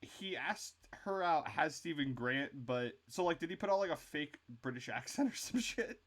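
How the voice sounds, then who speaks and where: A man's voice: a little high, lively intonation, moderate pace. A man co-hosting a casual show review, rambling with lots of fillers and frequent swearing. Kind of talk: casual chat.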